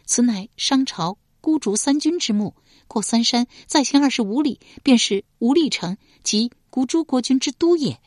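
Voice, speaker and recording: A woman voicing a gentle, earnest young former palace maid in a storybook reading. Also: a little high, animated, moderate pace, hardly any pauses, dry recording, clean studio sound, pitched above the performer's own voice.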